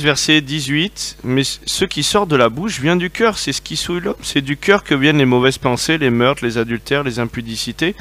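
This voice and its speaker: A man preaching a sermon, telling personal stories in a lively way and often asking his listeners whether they agree. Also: a little high. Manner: lively storytelling, asks the audience for agreement.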